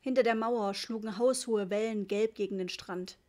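A woman narrating a children's audiobook in a lively storytelling manner. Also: mid-range voice, moderate pace. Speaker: audiobook reader.

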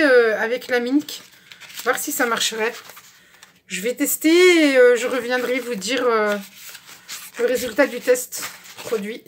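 A woman's voice: fairly high pitch, fairly bright tone. A woman chatting casually through a craft shopping haul, showing items one by one with lots of fillers. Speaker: craft vlogger. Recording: faint background noise with clicks.

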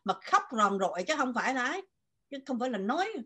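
Older Southern Vietnamese woman, interview guest, slightly high voice, lively code-switching storyteller. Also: fast, husky. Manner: animated, mixing Vietnamese and English. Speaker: guest writer.

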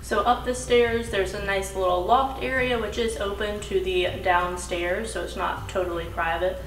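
A woman in her thirties co-hosting a travel vlog, showing a small holiday rental in a slow, descriptive, upbeat tour-guide way, filmed by a camera across the room. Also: mid-range voice, fairly even intonation. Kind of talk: home tour narration. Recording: echoey rooms with background music.

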